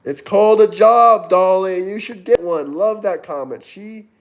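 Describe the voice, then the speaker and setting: His voice sits high, unhurried and creaky: a Florida, US livestream host in his twenties. Chatting casually, he reads viewers' chat aloud, responds to it and keeps urging people to like and tip.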